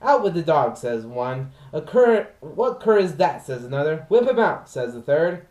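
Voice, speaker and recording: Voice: moderate pace, a little mellow, lightly acted. Comic Shakespearean servant, rehearsed by a vlogger: aggrieved, theatrical rises, roomy distant sound. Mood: storytelling. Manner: theatrical, swooping emphasis with sudden high outbursts. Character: comic male servant lamenting over his unfeeling dog. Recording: roomy echo, from mic distance.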